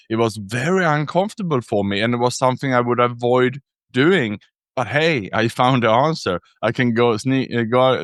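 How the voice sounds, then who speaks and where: A man from Sweden, a native Swedish speaker, talking in English as a podcast guest, telling his story reflectively with frequent pauses and restarts. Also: medium pitch, a bit bright, clean tone, dry recording, studio quality. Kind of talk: casual interview storytelling.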